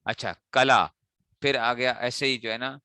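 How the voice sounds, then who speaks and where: A man teaching a morning class, correcting mispronounced words by repeating them slowly and checking that students follow. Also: mid-range voice, fairly even intonation, sharp tone, clear, resonant tone, no echo. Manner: asks students checking questions. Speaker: teacher of Arabic morphology. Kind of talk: classroom lecture.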